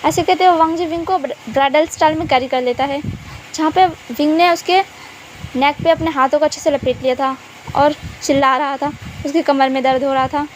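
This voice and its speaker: A woman reading a fan-fiction story aloud in a plain, steady telling voice. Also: high voice, fairly quick, a little hiss or hum, low-quality recording. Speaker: story reader.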